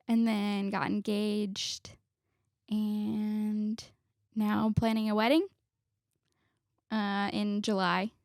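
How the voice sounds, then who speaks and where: A woman's voice: medium pitch, vocal fry, no echo, clean studio sound. A woman in her twenties, a guest on a family podcast, chatting casually and laughing often, sometimes backtracking mid-sentence. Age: 20s.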